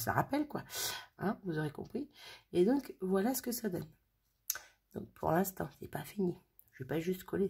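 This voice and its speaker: A woman's voice: medium pitch, vocal fry, darkish tone, slightly rough. A mother chatting casually as she makes a card at home, thinking aloud while she works. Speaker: crafting vlogger. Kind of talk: casual crafting tutorial chat. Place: home craft table on a sunny day.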